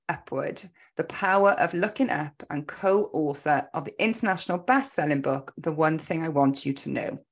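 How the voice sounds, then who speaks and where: Podcast host: woman, South Wales accent, lowish register, lively intonation swings. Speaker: podcast host, business coach. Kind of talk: podcast hosting.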